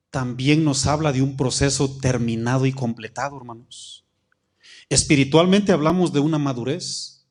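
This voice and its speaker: Pastor guy preaching, mid pitch, reads verses slow and keeps asking the crowd yes or no. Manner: preaching with call-and-response questions to the congregation; reads scripture slowly, stretching key phrases. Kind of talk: sermon.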